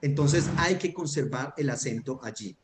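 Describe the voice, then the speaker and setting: A man's voice: mid-range voice, normal speed. A man teaching a grammar lesson online, patient and methodical, often checking that his student follows. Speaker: Hebrew teacher. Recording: echoey room with faint noise.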